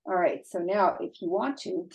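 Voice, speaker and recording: A woman's voice: lowish voice, normal speed, darkish tone. A woman teaching a reading lesson, naming letters one at a time and sounding out syllables patiently. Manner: patient, spells out each sound. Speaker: Hebrew teacher.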